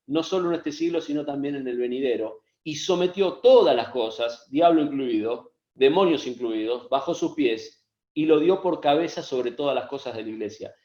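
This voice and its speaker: A man's voice: on the high side, mellow. An Argentine man preaches with earnest repetition in a slightly raised voice. The audio has a roomy echo and a muffled, lo-fi quality, as over a video call. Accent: Argentine Spanish. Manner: earnest, repeats phrases for emphasis. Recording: echoey, dull lo-fi sound.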